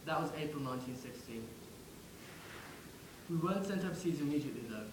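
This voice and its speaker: A man's voice: fairly high pitch, animated, a little fast, roomy sound, noisy background, lightly acted. A man playing the ghost of a young soldier from the First World War, who speaks wryly and directly to the listener. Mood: wistful. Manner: wry, conversational, addresses the listener directly. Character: ghost of a young English WWI soldier, wry. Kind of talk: theatrical monologue.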